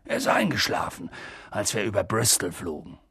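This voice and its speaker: A man voicing a huge, gruff, kind-hearted male giant who talks roughly and plainly in an audiobook. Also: fairly low pitch, very animated, moderate pace, pushed and bright, no room sound, clean studio sound, heavily acted.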